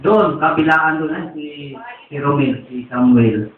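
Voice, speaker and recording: Speaking at a measured pace in a fairly high voice, this Filipino preacher wanders through his own life story from the pulpit. Slight background noise runs under a tinny, echoey church recording captured from a distance.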